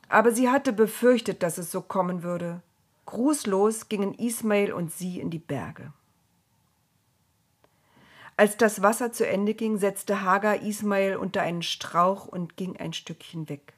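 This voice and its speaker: Female storyteller, calm children's reading, breathy, unhurried. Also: fairly low pitch.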